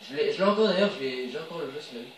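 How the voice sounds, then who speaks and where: A man casually commenting on his own soccer video game match, chatty and excitable, cheering on his players. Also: on the high side, rapid-fire, echoey room, recorded from a distance, a little hiss or hum, poor audio.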